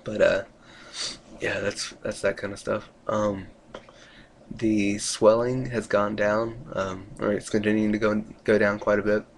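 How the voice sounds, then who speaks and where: A man's voice: on the low side, flat delivery, unhurried, vocal fry, slight background noise. A man talking casually in a video diary, rambling hesitantly and trailing off as he goes. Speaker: vlogger giving a recovery update.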